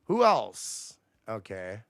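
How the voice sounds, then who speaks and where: Male streamer, profane, combative, lively swings in pitch, slow delivery, dry close sound. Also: vocal fry, no echo. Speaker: livestream host. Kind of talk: casual livestream rant to chat.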